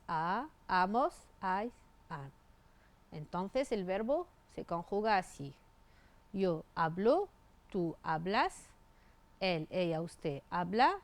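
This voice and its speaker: A woman teaching Spanish grammar, reading out verb forms one by one and spelling out the endings. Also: medium pitch. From Tunisia. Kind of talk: grammar lesson.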